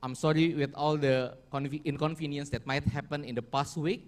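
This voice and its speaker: A man giving a formal ceremony speech as an event organizer, earnest and halting, with restarts. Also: on the high side, fairly even intonation.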